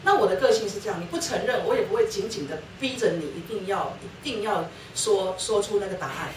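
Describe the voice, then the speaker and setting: A middle-aged woman gives a church testimony at a brisk pace, acting out each exchange she recalls. She sounds set back from the microphone, and the hall around her is roomy and echoing. A faint hiss sits under her voice. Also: medium pitch. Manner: storytelling, acting out quoted dialogue. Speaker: guest speaker sharing her testimony with her husband. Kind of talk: personal testimony talk at a church lecture. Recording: roomy hall, distant mic, faint noise.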